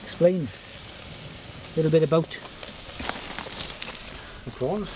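A Welsh man in his fifties giving a relaxed, chatty cooking demonstration outdoors on a beach, with many ums and uhs. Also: a little high, slow pace, noisy background. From Wales. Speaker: forager and outdoor cook.

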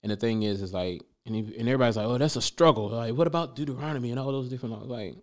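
A man in his thirties co-hosting a faith podcast, relaxed and slangy, laughing often, on a boom mic in a small studio. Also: very fast. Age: 30s. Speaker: podcast co-host. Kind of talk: casual faith podcast conversation. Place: small studio room, indoors. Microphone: desk mic on boom arm.

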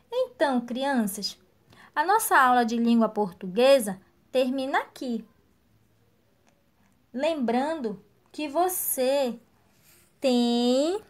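A woman teaching a recorded lesson to young children, slow and encouraging, praising each answer. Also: high voice. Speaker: primary school teacher.

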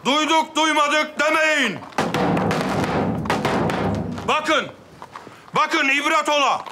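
An actor playing an Ottoman town crier, proclaiming a punishment to the public in drawn-out calls in a period drama. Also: very high voice, heavy background noise.

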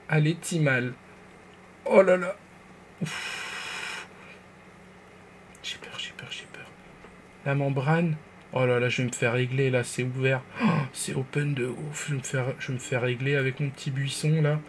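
Jittery French gamer muttering to himself. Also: male voice, mid-range voice, a little hiss or hum. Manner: jittery, talks to himself, whispers when nervous; swings from hushed murmurs to loud excited outbursts. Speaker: streamer. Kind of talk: live gameplay commentary.

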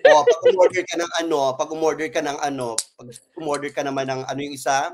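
A man in casual panel banter, campy and teasing, breaking into loud laughs. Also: a little high, very animated, quick pace.

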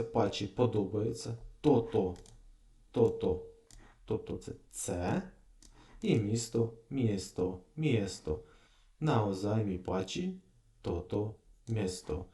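A man teaching a casual language lesson, repeating phrases slowly and thinking aloud. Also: fairly low pitch, dark tone, reverberant.

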